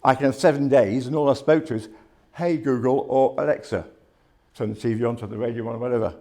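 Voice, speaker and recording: An earnest man in his fifties gives personal testimony at a live talk in front of an audience, sharing his lived experience candidly and plainly. His mellow, medium-pitched voice stays steady in tone while he talks fast.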